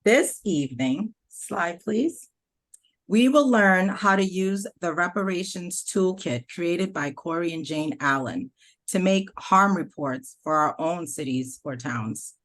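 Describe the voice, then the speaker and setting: A woman with a low voice hosts an online training session. She reads a formal, scripted overview for the participants. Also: animated, slow. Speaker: event host. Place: online meeting.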